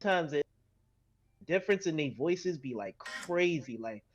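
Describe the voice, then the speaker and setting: A man's voice: a little high, animated, normal speed, dull audio. A man co-hosting a podcast in casual, slangy conversation about anime. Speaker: podcast co-host.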